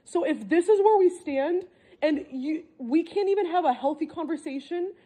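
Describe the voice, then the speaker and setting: Woman w high voice arguing w family, really insistent, repeats herself a lot. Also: animated, normal speed, mellow. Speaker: daughter confronting her family. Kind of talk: heated family argument.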